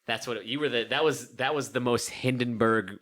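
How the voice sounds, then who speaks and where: A man's voice: mid-range voice, brisk. A young man co-hosting a podcast, telling a story in casual chat, swearing and acting out the other people in it. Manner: animated, swearing, acts out voices in stories. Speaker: podcast co-host.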